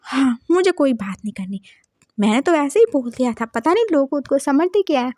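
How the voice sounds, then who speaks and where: A woman's voice: sits high, animated, fairly quick, darkish tone, no echo, studio quality. A woman voicing an older, sensitive husband who speaks earnestly and scolds sharply. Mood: scolding.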